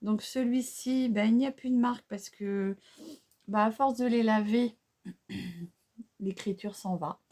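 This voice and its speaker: A French-accented woman talks through a makeup tutorial at a slow, unhurried pace. Her voice is mellow and warm rather than bright. She chats casually, hesitating often with fillers and restarts. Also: medium pitch. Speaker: beauty vlogger.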